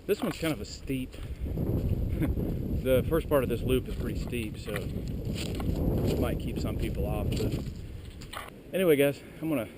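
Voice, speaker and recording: A man talking casually to his viewers while hiking, rambling and filling pauses with lots of "uh"s. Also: medium pitch. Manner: rambling, lots of filler words. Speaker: vlogger. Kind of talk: casual walking vlog. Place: outdoors on a windy mountain trail. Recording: strong wind noise outdoors. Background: wind.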